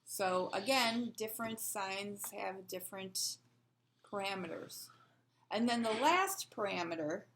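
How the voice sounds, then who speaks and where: A woman's voice: medium pitch, expressive, measured pace, fairly bright tone, slight background noise. A woman teaching a sign language lesson, patiently explaining and asking rhetorical questions as she demonstrates.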